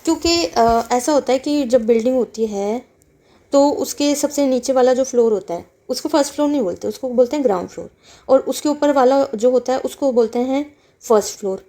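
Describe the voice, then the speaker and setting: A woman teaching Japanese vocabulary step by step, reading each word and then explaining its meaning. Her voice sits a little high but has a mellow, soft tone. She talks patiently and repeats words to make them clear. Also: a little fast. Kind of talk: explaining a textbook lesson.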